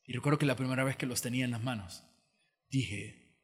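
A pastor preaches a sermon in a church auditorium, telling stories conversationally and acting out the voices he quotes. His mid-range voice is slightly rough and a little fast, and the hall gives long reverb.

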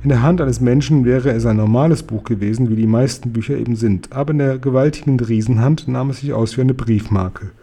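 A man reading a children's book aloud in a calm, even storytelling manner. His voice is dark and mellow at an ordinary male pitch. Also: fairly quick, hardly any pauses. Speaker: reader.

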